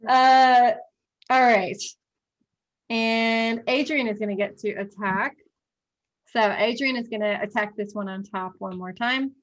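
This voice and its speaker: A woman's voice: fairly high pitch, measured pace, dull audio. Casual woman running a tabletop game. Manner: casual, laughs often, swears. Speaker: game master.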